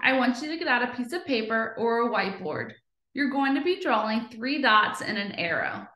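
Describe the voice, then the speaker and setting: A woman teaching young children a phonics lesson, cheerful and encouraging, sounding out letters slowly and clearly. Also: high-pitched, sharp tone, echoey room.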